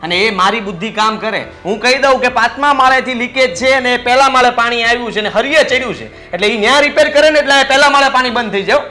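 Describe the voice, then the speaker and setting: A smug, idle young son argues back at his father with mocking retorts. His voice is high and bright, and faint music plays under him. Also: fast, hardly any pauses. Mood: defiant. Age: young adult.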